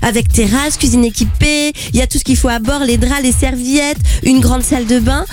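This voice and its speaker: A woman's voice: sits high, steady tone, brisk, a little mellow. A woman with a French accent co-hosting morning radio in chatty, enthusiastic banter. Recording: light music bed behind the voice.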